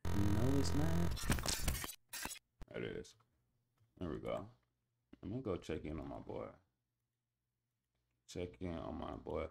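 With instrumental music playing in the background, a young streamer chats casually in slang with his viewers, his easygoing banter building to excited hype. He speaks in a very deep, creaky voice, slowly and with long pauses, over slight background noise.

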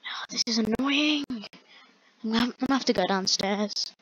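A young woman giving rambling, exasperated commentary on a slow-loading online game while chatting with a friend. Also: a little high, fairly bright tone, husky, dry recording. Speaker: gamer. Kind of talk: casual gameplay commentary. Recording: dull lo-fi dry recording.

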